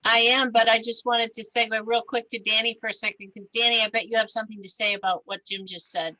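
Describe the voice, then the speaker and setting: A woman's voice: on the high side, little pitch movement, fast talker, bright, forceful tone, poor audio. A woman leading an improv workshop over a video call. She is encouraging and upbeat, and she laughs often. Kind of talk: leading a group exercise.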